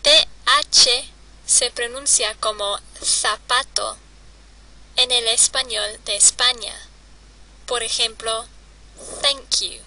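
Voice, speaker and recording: A woman teaching English to Spanish speakers in a scripted lesson, drilling words with slow, clearly spaced repetitions. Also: fairly high pitch, pushed and bright, distant mic, poor audio. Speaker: language teacher.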